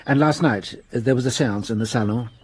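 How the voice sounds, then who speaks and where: A man's voice: medium pitch, fairly quick, husky, no echo. A man playing a shrewd, courteous police inspector who questions a witness with polite probing in a radio drama.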